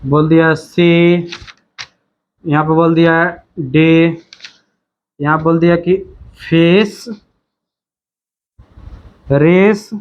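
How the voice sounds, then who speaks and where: A man with a slightly high voice teaches a textbook lesson at an unhurried pace. He reads each word out on its own and goes back over it again and again. The recording is dull and lo-fi. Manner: slow, repetitive, reads words out one by one.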